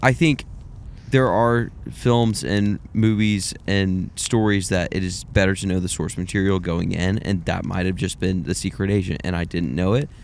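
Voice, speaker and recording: A young man co-hosting a casual film podcast rambles and hedges through his take, often poking fun at himself. His low-pitched voice has vocal fry and fairly even intonation at a moderate pace, with slight background noise.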